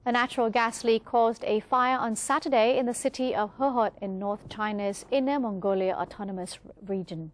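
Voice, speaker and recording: A woman's voice: on the high side, moderate pace, hardly any pauses. A woman with a Thai accent presenting a news bulletin, reading from a script.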